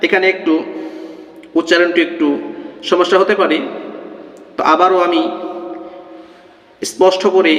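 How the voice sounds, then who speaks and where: A man's voice: high voice, a bit bright, echoey room, big-room sound. A man teaching Quran reading, spelling out syllables letter by letter in a half-chanted way, then encouraging his viewers as friends. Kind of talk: slow spelled-out reading lesson.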